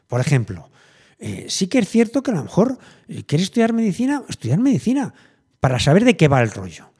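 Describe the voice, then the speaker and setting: A man's voice: high-pitched, wildly swooping pitch, fairly quick, darkish tone, husky. A middle-aged man from Spain chatting casually and thinking aloud, rambling with many fillers and restarts. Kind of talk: casual chat.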